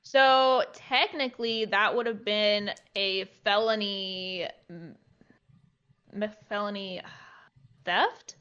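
A woman's voice: mid-range voice, steady tone, takes it slowly, fairly bright tone, smooth, dull audio. A young woman telling a story in casual chat, with lots of "like" fillers. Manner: chatty, heavy use of "like" fillers.

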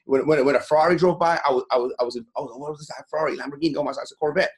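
A gym owner in his forties from Iran, guesting on a motivational interview, talks very fast in a fairly high voice with fairly even intonation. He is fired up, blunt and profane, constantly repeating "you know".

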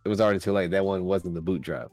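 A man with a deep voice chats casually as a podcast guest. He is blunt and sweary, given to griping, with light music in the background. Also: racing, darkish tone, no room sound. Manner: blunt, profane, complaining. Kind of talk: casual chat.

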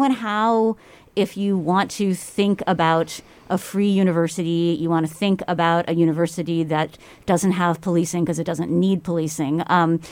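A woman co-hosting a casual radio show, slightly muffled from talking through a mask, in a halting, rambling way with amused asides. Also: fairly low pitch, darkish tone, no room sound. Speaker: radio co-host.

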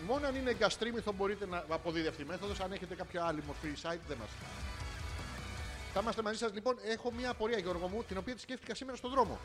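A man co-hosting a comedy podcast, joking around and laughing easily with his co-host. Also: high-pitched. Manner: joking, playful, quick to laugh. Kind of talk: casual comedic banter. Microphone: studio microphone. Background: music playing.

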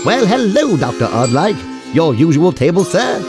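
A man's voice: on the high side, very animated, a little slow, over music. A man playing an obliging, formal restaurant waiter with polite, eager service patter in a comic audio drama. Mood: chirpy, formal.

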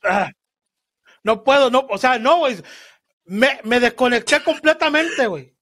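Man, very high voice, Mexican Spanish accent, podcast host, slangy and swearing. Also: measured pace. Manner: slangy, swearing, animated storytelling. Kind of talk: casual podcast chat.

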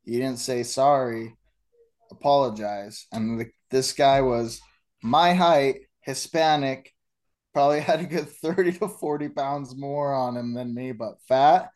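A man's voice: mid-range voice, a little slow, darkish tone. A man in his thirties, a podcast co-host, telling a story in loose, profane casual chat and laughing often. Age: 30s.

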